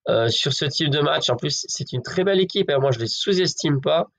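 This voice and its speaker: A man's voice: a little high, animated, a little fast, creaky, a bit bright. Chatty man giving football tips. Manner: chatty, addresses viewers as friends, hedges with fillers. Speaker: football betting tipster. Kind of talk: casual direct-to-camera football predictions.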